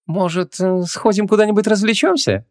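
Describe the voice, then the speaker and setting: A man voicing a feisty young woman who speaks in a sharp, impatient, tart way. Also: sits high, normal speed, no room sound, studio quality, voice pushed up.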